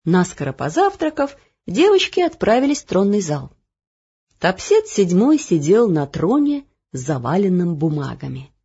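A woman narrating a children's storybook aloud in an expressive storytelling manner. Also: fairly low pitch, moderate pace, breathy edge, muffled recording. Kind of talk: audiobook reading of a children's story.

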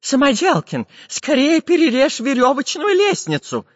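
Brief: jittery professor, put on by a man, lively rising voice. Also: extremely high pitch, unhurried, voice pushed up, heavily acted. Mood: anxious. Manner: pleading, fretful. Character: anxious male professor. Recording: dull lo-fi with long reverb.

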